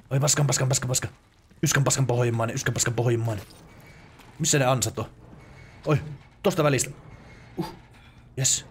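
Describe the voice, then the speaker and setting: A man from Finland giving casual let's play commentary, excitable and swearing, with yelps and laughs at the game. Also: medium pitch, slight background noise.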